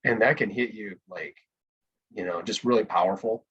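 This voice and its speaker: A man co-hosting a casual podcast chat over a video call, animated and laughing often. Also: lowish voice, normal speed, highs cut off. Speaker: podcast co-host.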